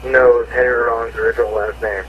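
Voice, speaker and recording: A man calling in to a chat show, asking questions in a hesitant, halting way. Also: medium pitch, flat delivery, phone-quality sound, slight background noise. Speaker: caller. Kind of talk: call-in questions.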